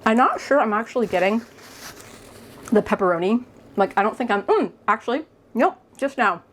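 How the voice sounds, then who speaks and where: A woman's voice: on the high side, expressive, moderate pace, a little hiss or hum. A woman food vlogger chatting enthusiastically during an on-camera taste test, sometimes talking while she chews.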